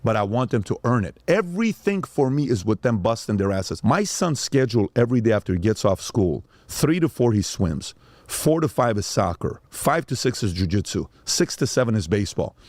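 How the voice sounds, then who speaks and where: A man's voice: medium pitch, normal speed, no echo. A middle-aged man hosting a show, telling stories in a casual, emphatic way with lots of repetition. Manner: emphatic, animated retelling with repetition. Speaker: podcast host. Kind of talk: casual storytelling talk.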